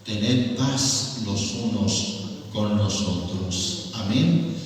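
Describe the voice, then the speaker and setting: Male pastor, Mexican Spanish accent, slow emphatic sermon, distant mic in a reverberant church hall. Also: fairly low pitch, slight background noise. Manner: slow, emphatic preaching with rising exhortations. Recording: echoey church hall, voice from far off.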